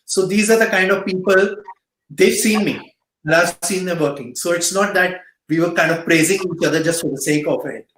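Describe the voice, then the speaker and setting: A man's voice: sits high, normal speed, a bit bright, slight background noise. A middle-aged man with an Indian accent, speaking earnestly as an interview guest and repeating phrases for emphasis. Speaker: guest speaker, cancer patient support volunteer. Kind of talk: earnest interview answers and motivational advice to youth. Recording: roomy, echoing sound.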